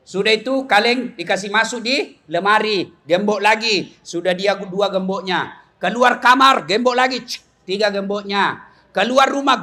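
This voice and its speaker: A middle-aged man, preaching a comic sermon with lively storytelling, shouting punchlines and laughing with the crowd. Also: high voice. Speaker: Islamic preacher. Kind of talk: comic sermon to a large gathering.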